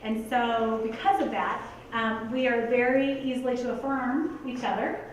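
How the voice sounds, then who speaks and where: An earnest woman delivers a motivational talk in a chatty, direct way. Her fairly high voice carries through a big, echoey hall and is picked up from a distance. A faint room hum sits under it. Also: little pitch movement, moderate pace. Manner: earnest, conversational, heavy use of "like" and "you guys". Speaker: motivational speaker. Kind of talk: motivational talk to a live audience.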